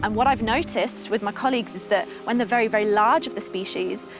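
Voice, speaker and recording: A woman's voice: mid-range voice, a little fast, music in the background. A woman working as a researcher, talking unscripted and explaining field observations. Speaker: marine researcher.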